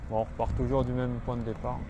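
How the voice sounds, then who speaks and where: A man's voice: medium pitch, level tone, fast talker. A man with a slight lisp giving casual, informal commentary to viewers while riding outdoors. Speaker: vlogger filming his ride. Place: outdoors, riding an e-bike in city streets. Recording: loud wind noise on outdoor microphone. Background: wind, ambient street noise.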